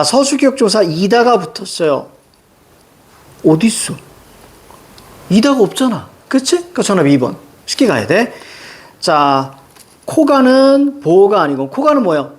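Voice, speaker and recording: A middle-aged man teaching grammar, working briskly through exam questions and checking in with his students. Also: high voice. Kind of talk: classroom lecture, solving exam questions.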